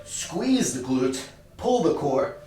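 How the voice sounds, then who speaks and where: Man, fitness coach, slightly high voice, winded, roomy echo, distant mic, faint music. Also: sing-song, slow, dark tone. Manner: demonstrating while explaining, short of breath at times. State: out of breath at times. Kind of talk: workout tutorial.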